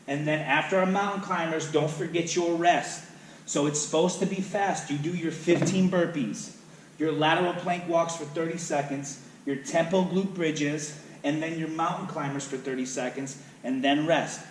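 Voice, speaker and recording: A man's voice: fairly high pitch, fairly even intonation, normal speed, recorded from a distance, slight background noise. Man coaching a workout in an echoey gym. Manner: demonstrating exercises while talking, counting reps. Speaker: fitness trainer. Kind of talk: instructional workout video. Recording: echoey room, voice from off-mic.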